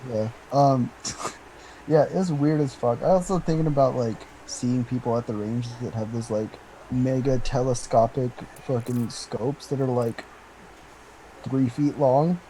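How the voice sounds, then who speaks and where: A man's voice: medium pitch, steady tone, measured pace, warm tone, slight background noise, low-quality recording. A man co-hosting a podcast in casual chat, laid-back and joking with sarcastic asides. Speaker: podcast co-host.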